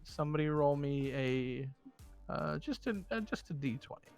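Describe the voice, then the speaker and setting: Casting: male game master, slightly high voice, halting informal narration, music underneath. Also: lively intonation, gravelly. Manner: halting, informal, swears casually. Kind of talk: narrating and running a tabletop game. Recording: music behind the voice.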